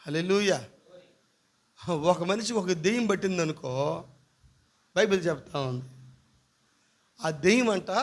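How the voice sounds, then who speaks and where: High, bright-voiced male preacher. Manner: fires rhetorical questions at the congregation; swings between quiet asides and loud, emphatic preaching. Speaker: pastor. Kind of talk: sermon. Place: church service.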